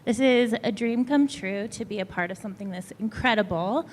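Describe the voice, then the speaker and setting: A salon owner speaking as a panel guest, effusive and grateful, a little emotional, on a handheld mic at a live event. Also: female voice, medium pitch, moderate pace. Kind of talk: panel introduction. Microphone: handheld microphone. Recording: reverberant hall with faint crowd noise.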